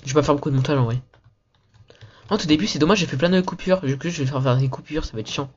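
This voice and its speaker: A man making a gaming video chats fast in a slangy, rambling way, opening with an upbeat intro. His fairly high voice is slightly rough with phlegm in his throat, as he says he's sick, and the audio's highs are cut off.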